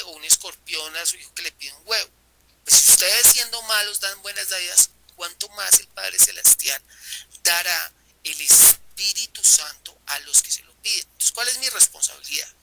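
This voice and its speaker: Bright-voiced Colombian man leading Bible study. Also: sits high, slight background noise, rough recording. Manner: asks the group rhetorical questions, repeats phrases.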